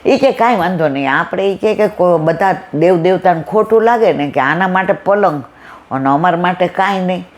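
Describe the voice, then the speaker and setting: A woman's voice: on the low side, moderate pace. Woman telling a folksy devotional story. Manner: acts out family dialogue in a folksy style. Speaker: satsang speaker.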